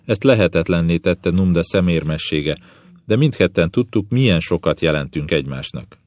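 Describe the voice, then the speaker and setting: A man with a very deep voice reads a novel aloud in the first person, his telling measured and even. The sound is dry and close, with no room around it. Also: no room sound. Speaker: audiobook narrator.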